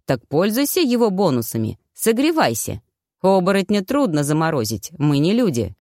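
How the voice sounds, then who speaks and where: A woman voicing a calm, gently teasing male werewolf lover in an audiobook. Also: lowish voice, normal speed, no room sound, studio quality.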